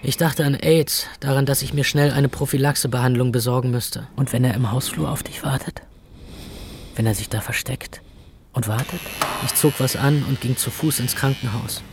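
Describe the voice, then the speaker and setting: An actor playing a young man narrating his own ordeal in measured, matter-of-fact literary radio narration. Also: medium pitch, fairly even intonation, background noise, close to an everyday voice. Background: music.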